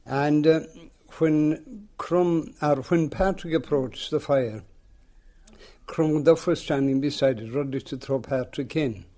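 Mellow, lilting old Irish storyteller, a man. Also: a little high, slow pace. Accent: rural western Irish. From rural west of Ireland. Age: older, seventies or above. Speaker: local folklore teller. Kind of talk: oral storytelling in an interview.

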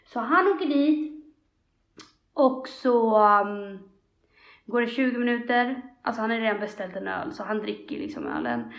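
A high-pitched woman retells a story on a chatty podcast, animated and full of slang. Her voice comes through dull and slightly lo-fi. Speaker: podcast co-host. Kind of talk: casual storytelling chat.

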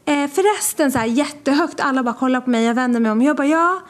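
A young woman from Sweden, co-hosting a podcast, telling stories in casual chat and acting out what people said. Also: high voice. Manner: lively storyteller, acts out quotes. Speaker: podcast co-host.

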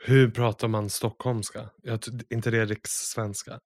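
A man's voice: on the low side, level tone, dry recording, studio quality. Easygoing young man podcast host. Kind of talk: casual chat.

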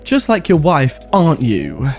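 Man doing a shrill, whiny, spiteful neighbor lady; high and swooping. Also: huge pitch swings, measured pace, creaky, soft background music, exaggerated voice. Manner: screeching, insulting, whiny. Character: shrill nasty middle-aged woman neighbor.

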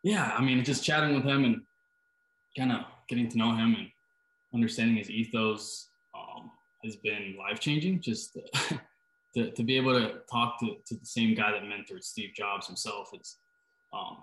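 Hesitant low-voiced man in echoey room. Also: moderate pace, a bit bright. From Costa Rica. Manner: hesitant, many fillers and restarts. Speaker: startup founder, guest. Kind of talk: casual interview answers. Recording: roomy, echoey sound.

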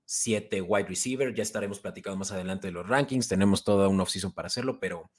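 Dude hyping fantasy picks, kinda low voice. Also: male voice, fast. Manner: enthusiastic, fantasy-stat focused. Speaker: podcast co-host. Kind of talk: casual sports talk.

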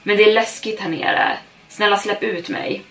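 A woman's voice: medium pitch, steady tone, fairly bright tone, far from the mic, natural voice, rough recording. Woman voicing a pleading cellar creature mimic. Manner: pleading, desperate.

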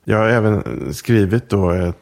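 Gravelly low-voiced man telling stories. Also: steady tone, darkish tone. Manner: anecdotal storyteller, reflective. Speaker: author guest. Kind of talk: casual interview talk.

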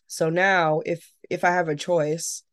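A young adult woman co-hosting a podcast, telling an animated, casual story with some swearing. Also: fairly low pitch, measured pace. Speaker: podcast co-host. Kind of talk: casual chat.

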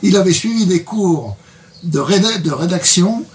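A man's voice: high-pitched, animated, moderate pace, a little mellow, slight background noise. Hesitant man, a bit distant from the mic. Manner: hesitant, repeats words. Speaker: translator presenting a book. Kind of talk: casual interview chat with read excerpt.

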